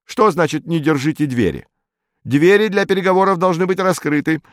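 A man's voice: on the high side, lively intonation, fairly quick, no room sound, clean studio sound, voice pushed up, close to an everyday voice. A man voicing a fussy, pedantic male official who lectures insistently. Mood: lecturing.

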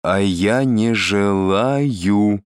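A man's voice: lowish voice, smooth, no room sound, clean studio sound. Man doing a slurring drunk young woman. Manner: slurred, drawn-out, stumbling words.

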